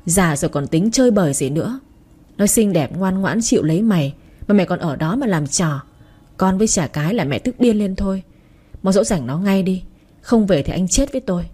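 Woman reader as an older mother on a scolding tirade, warm and husky. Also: mid-range voice, expressive, brisk. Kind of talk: audiobook character reading.

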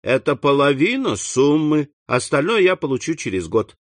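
In an audiobook, a man voices an earnest young man, a devoted and proud son, speaking fervently to his mother. His delivery is a little high, sing-song, and pushed up, at a moderate pace, eager and rising on key words. The recording is dry.

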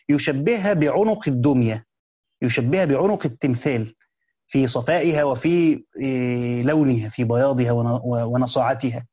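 A man with an Egyptian accent teaches in a quick, somewhat husky voice, pitched a little high for a man. He walks through a classical text in casual spoken Arabic, repeating key phrases and restarting words as he explains. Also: darkish tone. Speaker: teacher of a hadith book. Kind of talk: colloquial lesson commentary.

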